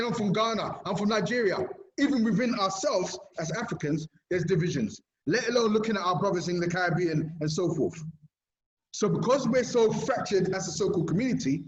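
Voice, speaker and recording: A man, a community activist, giving impassioned interview answers and pressing his points with repeated tag questions like "okay?". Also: high voice. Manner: emphatic, keeps asking "okay?" and "right?". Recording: roomy, dull lo-fi recording.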